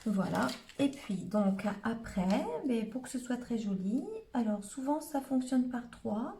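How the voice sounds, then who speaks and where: A woman's voice: on the high side, unhurried, warm tone, a little hiss or hum. A woman with a Hauts-de-France accent, chatting her way through a live crafting demonstration and narrating each step as she works. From Hauts-de-France, northern France. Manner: chatty, narrates her hands-on steps with frequent "hop" and "voilà". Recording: roomy echo.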